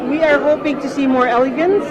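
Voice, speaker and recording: A woman's voice: high-pitched, fairly even intonation, a little fast, dull audio, noisy background. A woman chatting casually as an interviewed guest at an event. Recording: busy crowd at event.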